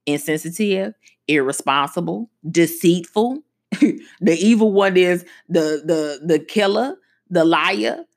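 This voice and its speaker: A woman hosting a faith-based radio talk, preaching conversationally and slowing down for emphasis. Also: on the low side. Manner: conversational preaching, slows down for emphasis, frequent asides. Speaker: radio show host.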